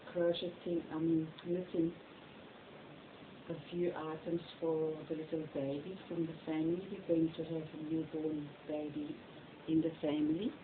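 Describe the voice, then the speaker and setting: A woman's voice: low-pitched, phone-quality sound, background noise. A middle-aged woman from Belgium with a Flemish accent and Flemish as her first language, chatting in a rambling home vlog in her bedroom, recorded on a cell phone. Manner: chatty and rambling, fond of the word lovely. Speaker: reborn doll hobbyist. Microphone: phone camera on a stand.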